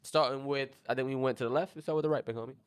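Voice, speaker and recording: Fast, smooth-voiced male podcast host. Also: mid-range voice, steady tone, dry recording. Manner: slangy, peppered with tag phrases. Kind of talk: casual chat.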